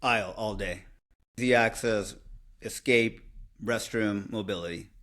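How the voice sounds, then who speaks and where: A man in his thirties, a podcast co-host, making dry, deadpan quips in casual chat. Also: fairly low pitch, measured pace.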